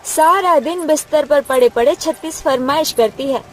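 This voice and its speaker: A woman's voice: high voice, normal speed, faint music behind. A woman voicing a scheming, lazy young wife in a cartoon story who sweet-talks her way out of housework. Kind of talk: cartoon voice acting.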